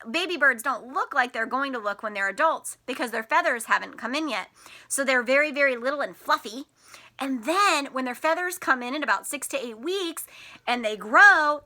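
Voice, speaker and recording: A woman with a high-sitting, pushed and bright voice reads aloud from a picture book for young children. As a teacher, she keeps her explanations simple, asks the kids questions, and stresses key words with expression.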